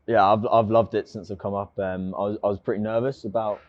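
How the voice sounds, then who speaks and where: A man's voice: fairly low pitch, flat delivery, brisk, no echo, muffled recording. A young man from England with a southern English accent, a guest in a casual chat who jokes about himself and often says "um" and restarts his sentences. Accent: English, from near London. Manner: joking and self-mocking, many fillers and restarts. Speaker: guest, rugby player.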